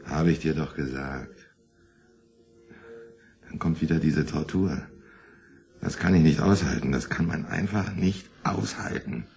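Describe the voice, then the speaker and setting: A man's voice: rumbling low, unhurried, creaky, long pauses, darkish tone, exaggerated voice. An actor playing a troubled man who hears a voice, talking in a rambling, boastful then defensive way in a radio play. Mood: uneasy.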